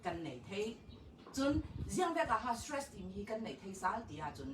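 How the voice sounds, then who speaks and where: A woman counselor giving a calm informational talk in a slow, measured, reassuring way. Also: medium pitch. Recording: roomy, distant mic, faint background noise.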